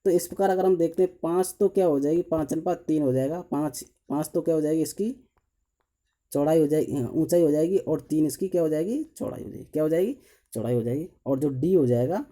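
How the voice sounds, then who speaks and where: Guy teaching drawing, super dark mellow voice, counts out loud, keeps saying okay and answers his own questions. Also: on the high side, fast. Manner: asks himself questions and answers them; says 'okay' after nearly every step. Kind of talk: step-by-step tutorial while drawing.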